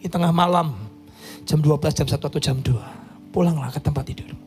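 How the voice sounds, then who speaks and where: A man voicing an old male priest who speaks gently and calmly to a boy, in a sermon retelling. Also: a little high, quick pace, faint music behind, voice pushed down, lightly acted. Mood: soothing.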